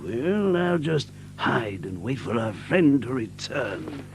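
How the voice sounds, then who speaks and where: An actor playing an earnest, old-fashioned gentleman doctor in an audio drama, with a hesitant but determined manner. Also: mid-range voice, very animated, slow, music in the background. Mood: determined, wary. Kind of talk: audio drama acting and narration.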